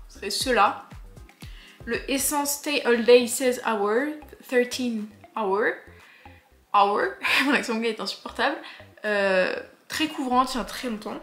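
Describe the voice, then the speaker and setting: A woman's voice: a little high, a bit bright. Chatty young woman, echoey room. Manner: chatty, joking asides, frequent fillers. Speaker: beauty vlogger. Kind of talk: casual makeup tutorial. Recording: echoey room with faint music.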